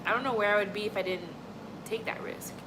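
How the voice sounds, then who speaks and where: A young woman from Montreal, Canada, hosts a livestream and chats casually with her live chat, rambling in a friendly way and saying "like" and "honestly" a lot. Her voice is medium-pitched and quick. The recording is very noisy.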